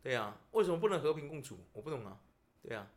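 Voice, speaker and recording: A man's voice: a little high, fast talker. A man with a Taiwanese Mandarin accent hosting a podcast, telling stories and ranting in casual chat. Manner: animated, ranting storyteller. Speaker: podcast host.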